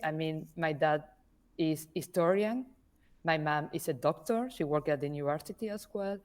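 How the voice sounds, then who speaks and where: An Argentine woman whose first language is Spanish, an artist manager, appears as a guest in a conversational podcast interview. Her voice is low-pitched and a little mellow, and she speaks hesitantly, searching for words in English.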